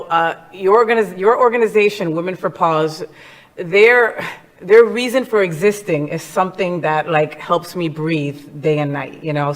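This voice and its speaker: A woman from New Jersey hosting a talk show, chatting casually with a guest in a playful, teasing way. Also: fairly low pitch. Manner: playful, teasing, quick jokes. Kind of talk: casual interview chat.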